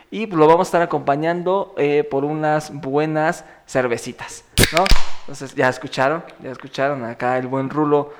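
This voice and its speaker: A man in his thirties with a Mexico City accent, hosting a casual podcast chat with friends, joking and teasing. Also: a little high. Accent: Mexico City Spanish. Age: 30s. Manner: joking, teasing, laughs often. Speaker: podcast host.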